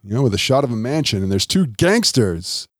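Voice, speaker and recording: A man's voice: medium pitch, big pitch swings, a little fast, dry recording. Casting: male podcast host, mid-range voice, easygoing rambler, recorded dry and close. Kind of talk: casual chat with reading and recapping.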